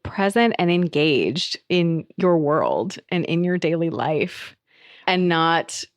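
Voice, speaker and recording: A woman's voice: low voice, expressive, slow pace, dry recording. A woman hosting an interview podcast, talking in an earnest, emphatic, affirming way. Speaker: podcast host. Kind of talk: casual interview chat.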